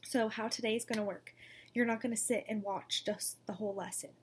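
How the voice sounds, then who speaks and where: A woman's voice: fairly high pitch, fairly even intonation, brisk, a little hiss or hum. A young woman teaching a recorded lesson to second graders, in an upbeat, coaxing manner. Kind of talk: recorded distance-learning lesson.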